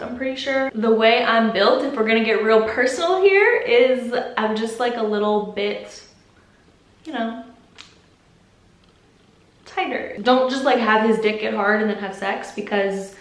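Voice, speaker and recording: A woman's voice: fairly high pitch, fairly bright tone. A young adult woman answering viewer questions in a casual vlog, candid and chatty, filling her talk with "like". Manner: candid, chatty, heavy use of "like". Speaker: vlogger. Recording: roomy echo.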